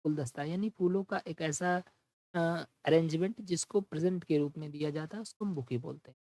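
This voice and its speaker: A man teaching an English vocabulary lesson, explaining each word in Hindi and reading the English definitions slowly. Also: a little high, dark tone, dry recording, rough recording. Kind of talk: exam-prep vocabulary lesson.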